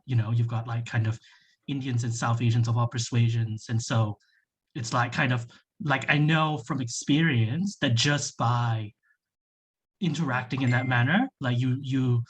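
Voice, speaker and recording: A young man from Malaysia talks through a laptop webcam on a video call. His voice is a little husky, and he rambles with plenty of fillers and restarts. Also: mid-range voice. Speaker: workshop participant. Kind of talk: casual discussion on a video call.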